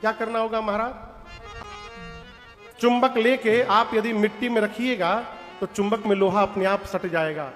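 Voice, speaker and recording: A man's voice: sits high, fairly even intonation, moderate pace, long pauses, a bit bright. A man from Purvanchal with a Purvanchal Hindi accent, a devotional storyteller who tells sacred tales in a folksy way, speaks directly to his audience, and breaks into sung verses. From Purvanchal, India. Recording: long hall reverb with music.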